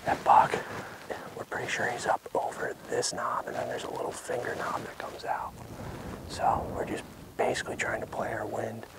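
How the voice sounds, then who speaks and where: A man whispering hushed commentary outdoors while stalking wildlife, as if careful not to be heard by the animals. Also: lowish voice, completely flat delivery, normal speed, poor audio. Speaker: bowhunter filming his hunt. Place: outdoors in open hilly country.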